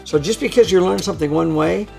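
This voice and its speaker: A man's voice: sits high, fast talker, gravelly, darkish tone, faint music behind. A man explaining his craft as a hypnosis trainer in an interview, emphatic and repeating phrases for stress.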